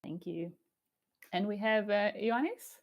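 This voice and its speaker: Woman hosting, mid-pitched voice. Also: takes it slowly, muffled recording. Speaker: chair and host. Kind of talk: semi-formal hosting of an online event. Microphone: online video call.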